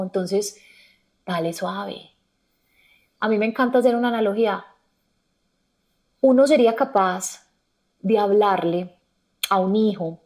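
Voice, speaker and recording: A middle-aged woman speaks as a yoga teacher in a podcast interview. She is earnest and reflective, her pitch sitting in a mid range. She likes to act out her own inner dialogue in short quoted bits. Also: a little mellow.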